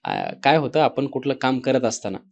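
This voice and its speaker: A man's voice: mid-range voice, huge pitch swings, normal speed, gravelly, a little mellow. A man hosting an interview, asking long, thoughtful questions in casual talk.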